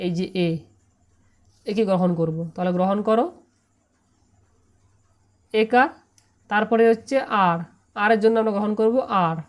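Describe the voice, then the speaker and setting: A woman with a Bengali accent teaching English pronunciation in an online lesson, spelling out letters and repeating each syllable slowly. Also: medium pitch.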